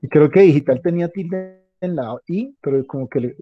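A man giving a classroom lecture, halting and restarting often, checking in with the class after many phrases. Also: on the high side, faint music behind. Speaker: teacher. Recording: dull, muffled lo-fi audio.

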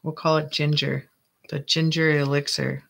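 Chatty and playful, this crafter from Canada keeps up a running self-talk while working on a project for their channel. The delivery is flat at a normal speed, medium in pitch with vocal fry, against a noisy background.

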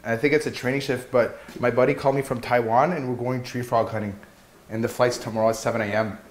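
A man making a casual, rambling, halting prank call as a new employee. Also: medium pitch, steady tone. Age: 20s. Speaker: prank caller. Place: small indoor office room. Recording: echoey room with faint noise.

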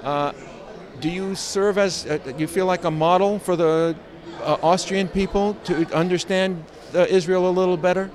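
A man interviewing a guest at an event, halting, repeating words with many fillers. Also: high voice, steady tone. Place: crowded indoor event.

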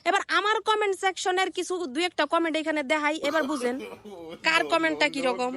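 A woman's voice: very high voice, steady tone, fast talker, sharp tone. A woman with a colloquial Bangladeshi accent, ranting sarcastically in a scolding reaction video, recorded on a phone. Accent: Bangladeshi colloquial Bengali. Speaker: content creator.

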